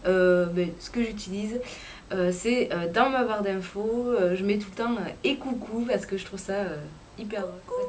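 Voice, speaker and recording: A woman's voice: medium pitch, slight background noise. Chatty woman with a southwest French accent. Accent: southwest French (Lot-et-Garonne). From Lot-et-Garonne, southwest France. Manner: chatty, frank, swears casually, many filler pauses. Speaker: YouTuber. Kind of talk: casual chat vlog.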